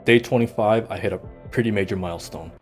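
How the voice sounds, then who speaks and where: A man giving a scripted voice-over for his fitness vlog, steady and matter-of-fact as he lists his numbers. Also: lowish voice, quick pace, faint music behind. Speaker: vlogger.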